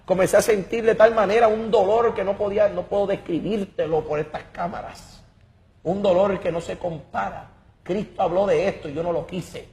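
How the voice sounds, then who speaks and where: Fervent man, high voice. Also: steady tone, moderate pace, darkish tone. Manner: emphatic and dramatic, repeats words while searching. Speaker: guest giving a testimony. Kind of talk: impassioned religious testimony.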